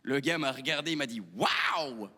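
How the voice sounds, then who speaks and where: Belgian comic, high voice, live hall. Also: male voice, normal speed, noisy background. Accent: Belgian French. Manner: deadpan, provocative, chatty with the audience. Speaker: stand-up comedian. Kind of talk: stand-up comedy set. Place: theatre stage before a live audience. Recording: live theatre hall with crowd.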